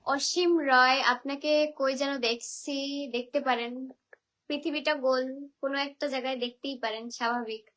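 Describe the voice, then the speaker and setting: Woman from Barisal, phone livestream, high voice, unhurried, bantering with viewers. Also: steady tone, a bit bright. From Barisal region of Bangladesh. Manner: chatty, teasing replies to viewers. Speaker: live streamer. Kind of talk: reading viewer comments on a live video call.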